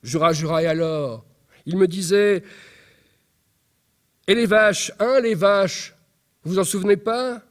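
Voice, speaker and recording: A man's voice: sits high, pitched above the performer's own voice. A man reading a stage monologue as an angry, distraught young mother who fires off outraged questions. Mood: outraged, agitated. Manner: raw, outraged, rapid-fire questions.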